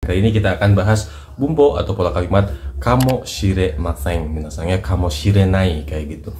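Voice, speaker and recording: A man teaching in a casual, chatty way, trailing off softly at the ends of his lines. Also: low voice, brisk. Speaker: Japanese language teacher. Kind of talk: casual lesson in short clips. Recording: noisy recording with clicks.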